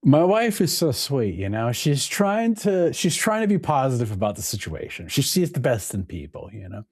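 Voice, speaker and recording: A man, a podcast guest, telling stories in a casual conversation with an animated, laughing manner. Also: mid-range voice, normal speed, breathy edge, no echo, studio quality. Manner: animated storytelling, laughs often.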